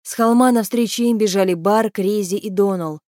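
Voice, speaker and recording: A woman narrating an audiobook in an even, measured storytelling voice. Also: medium pitch, no echo, studio quality. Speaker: audiobook reader.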